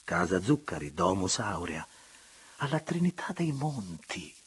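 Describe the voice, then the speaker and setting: A courtly young gentleman, as a male reader plays him, ardent and gallant. His husky voice moves through a wide, lively line. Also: sits low, unhurried, exaggerated voice.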